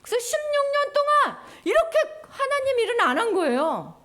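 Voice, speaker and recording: Woman, high and very lively voice, children's church teacher acting out the story. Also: brisk. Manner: animated, acts out characters' lines with sighs and cheers.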